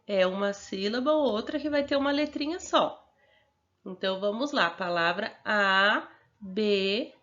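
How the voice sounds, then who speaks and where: Woman, teacher, Brazilian Portuguese accent, raised pitch, patient, sounds out syllables, muffled lo-fi recording. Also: animated, normal speed. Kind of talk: recorded remote lesson for young children.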